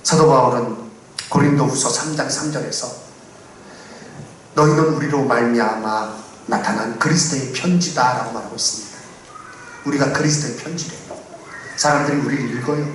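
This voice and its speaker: A man preaching a sermon as pastor, swinging between loud emphatic declarations and quiet low asides in a solemn, exhorting cadence. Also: normal speed, pauses often, a little hiss or hum. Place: church sanctuary. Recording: very echoey hall, mic far off.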